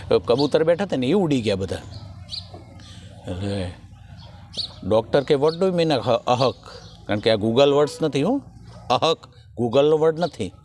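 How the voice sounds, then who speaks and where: A man's voice: medium pitch, slight background noise. A man with a Kathiyawadi Gujarati accent doing stand-up folk comedy, acting out the characters in his jokes. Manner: animated joke-telling, acting out characters' lines.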